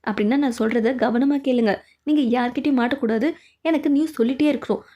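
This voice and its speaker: A woman dubbing drama dialogue in a fan dub, with brisk, plain delivery. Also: on the high side, dark tone. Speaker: voice dubber.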